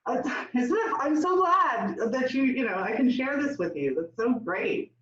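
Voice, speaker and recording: A woman's voice: sits high, lively intonation. A woman leading a laughter yoga session, drawing out chants and cues and laughing often between them. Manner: slow, drawn-out chanting with frequent laughs. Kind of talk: guided group exercise. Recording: roomy, distant, dull sound.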